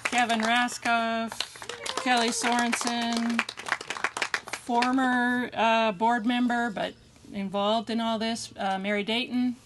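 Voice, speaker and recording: A woman emcees an outdoor park ceremony, reading names and chatting casually with plenty of fillers. There is clear background noise around her voice. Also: on the high side, little pitch movement, takes it slowly. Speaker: board member emceeing a dedication ceremony. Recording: noisy outdoor recording.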